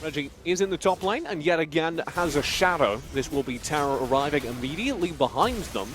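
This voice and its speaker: A man's voice: fairly high pitch, expressive, fairly quick, a bit bright. Man casting esports play-by-play. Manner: dry, self-deprecating humor. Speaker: esports caster. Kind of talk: play-by-play commentary.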